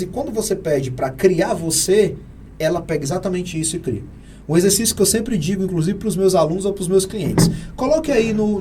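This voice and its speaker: A man with a Brazilian Portuguese accent answering interview questions in an energetic, emphatic, teacherly way, often posing rhetorical questions. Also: high voice, slight background noise. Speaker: real estate AI consultant guest.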